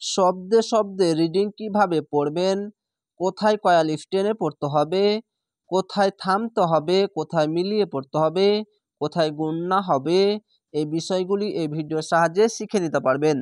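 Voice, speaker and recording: A man teaching Quran reading, sounding out each word slowly and repeating it before explaining how to pronounce it. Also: high voice, dry recording, clean studio sound. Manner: slow, patient, repeats each word drawn out. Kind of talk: recitation lesson, word-by-word.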